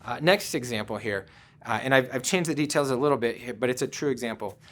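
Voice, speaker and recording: This conference speaker, a man presenting virtually, has a fast, mid-range voice with a touch of brightness. He keeps things conversational, tells personal anecdotes, and often leans on "um" and "you know."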